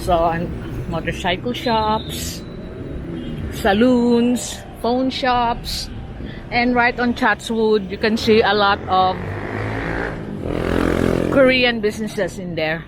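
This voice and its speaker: Unhurried Filipina woman talking with braces. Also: fairly high pitch. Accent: Cebuano Filipino. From Cebu, Philippines. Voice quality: slightly impeded articulation from new dental braces. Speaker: vlogger. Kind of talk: walking street tour commentary. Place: outdoors on a busy city street. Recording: noisy outdoor street with traffic.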